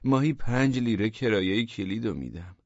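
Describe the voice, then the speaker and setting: A man voicing a thin, meek man who speaks softly and hesitantly, in a storybook reading. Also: fairly low pitch, animated, dry recording, highs cut off. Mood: apologetic. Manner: soft, hesitant.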